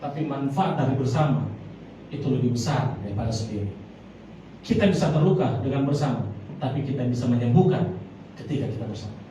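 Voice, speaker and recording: A man's voice: medium pitch, lively intonation, fairly quick, mellow. A man preaching a sermon, speaking emphatically and often turning to address the congregation as brothers and sisters. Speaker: pastor. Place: large church hall. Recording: very echoey hall, mic far off, faint noise.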